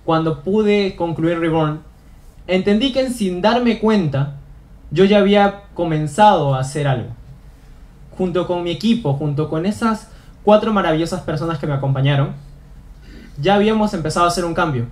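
A man's voice: sits high, moderate pace, a little mellow. A young man giving an earnest motivational talk on stage, repeating phrases for emphasis. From Peru. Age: young adult. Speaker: student speaker. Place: auditorium stage.

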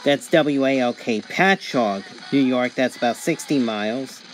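Demonstrating hands-on at a table indoors, a reviewer talks in a casual, methodical, matter-of-fact manner at medium pitch and a moderate pace. Music plays in the background from a radio.

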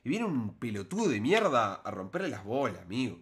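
A man's voice: medium pitch, very animated, fairly quick. A man with an Argentine Spanish accent, a streamer giving indignant, colloquial commentary while reacting to a video. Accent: Argentine (Rioplatense) Spanish.

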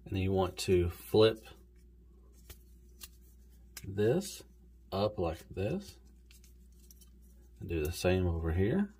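A man's voice: deep voice, lively intonation, extremely slow, pauses often, warm tone, husky. Easygoing Southern man reviewing toys. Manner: easygoing, rambling, says "golly" and "y'all". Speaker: toy reviewer. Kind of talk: casual toy review.

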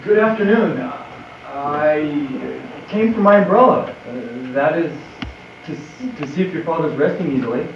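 High-voiced, earnest young suitor acted by a man. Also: expressive, unhurried. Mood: awkward. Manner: hesitant, courteous, pleading. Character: earnest, bashful young suitor, gentle and ardent. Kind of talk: live stage play acting. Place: theatre in the round, far camera. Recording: muffled, noisy camcorder, echoey theatre, distant.

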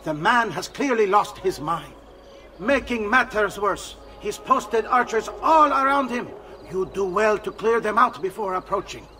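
An earnest informant in a video game cutscene. His voice is high and sharp, briefing urgently in formal, emphatic phrases over faint ambient noise. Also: expressive, measured pace, exaggerated voice. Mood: urgent, concerned.

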